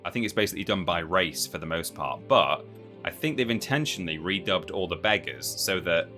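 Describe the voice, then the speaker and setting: Deep, bright-voiced male game streamer. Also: expressive, brisk, soft background music. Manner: rambling, thinking aloud. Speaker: live streamer playing a game. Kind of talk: casual game commentary.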